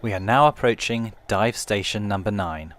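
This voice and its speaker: Low calm guy doing a museum guide type tour narration, watery noise behind him. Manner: calm, measured, explanatory museum-guide delivery. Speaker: tour guide narrator of a shipwreck dive trail.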